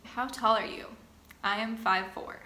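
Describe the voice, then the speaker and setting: A woman's voice: on the high side, steady tone, unhurried, bright, forceful tone. A woman in her twenties from the Boston area, chatting casually as she reads out questions and answers them at length for her vlog. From Boston area, United States. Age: 20s. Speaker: vlogger. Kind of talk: sit-down get-to-know-me chat. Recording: echoey room with faint ambient noise.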